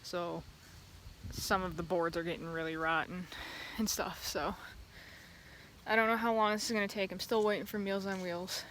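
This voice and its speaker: A woman with a fairly low voice rambles casually, as if to a camera, drifting from one aside to the next. She is outside by a busy street, with faint traffic and ambient noise around her. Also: little pitch movement, moderate pace, a bit bright. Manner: easily distracted, drifting between asides. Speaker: vlogger. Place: outdoors in a yard beside a loud street. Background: passing vehicles and outdoor ambience.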